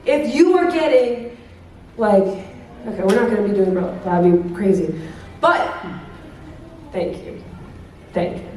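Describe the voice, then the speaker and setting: A woman's voice: mid-range voice, expressive, unhurried, long pauses, darkish tone, slight background noise. A woman in her twenties giving a playful, teasing workshop talk as a convention guest and calling the audience babes. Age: 20s. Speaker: cosplay guest and workshop presenter. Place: convention panel room. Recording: very echoey room, speaker far from the mic.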